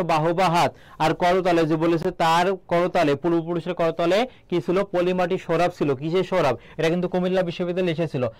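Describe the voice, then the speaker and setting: A man's voice: high voice, no echo. A man from Bangladesh teaching an exam-prep lesson, asking questions and then repeating the answers to drill them in.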